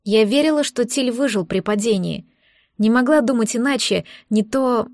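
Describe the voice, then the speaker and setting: A woman reads a first-person fantasy audiobook with expressive, emotional delivery. Her voice sits fairly high. The close, dry recording has no room sound. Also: normal speed, no room sound. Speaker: audiobook narrator.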